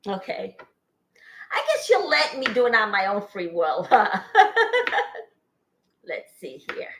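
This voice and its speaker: A woman's voice: medium pitch, sing-song, slow, roomy sound. An older woman born in Boston to an Armenian family, chatting in a rambling way and laughing often as she hosts a cooking vlog in her home kitchen. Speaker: cooking channel host. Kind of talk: casual cooking vlog chat.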